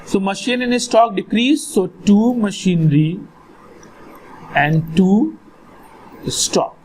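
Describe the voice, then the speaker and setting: A man's voice: high-pitched, expressive, slow pace, a little mellow. A man with a North Indian accent teaching accountancy, repeating phrases and putting questions to his student with Hindi words mixed in. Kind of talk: instructional lesson with call-and-response questions. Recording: clearly noisy background.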